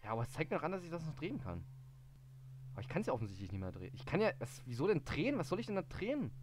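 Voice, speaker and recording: A man doing live game commentary, muttering in confusion, reading in-game hints aloud and breaking into sudden excited outbursts. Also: on the high side, very fast, background noise. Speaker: let's play gamer.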